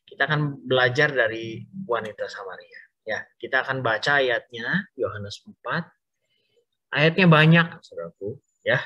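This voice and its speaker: A man's voice: mid-range voice, bright, forceful tone, husky. A man giving a casual, chatty storytelling sermon to a youth group over an online call, addressing listeners directly. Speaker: youth service speaker. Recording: dull Zoom audio.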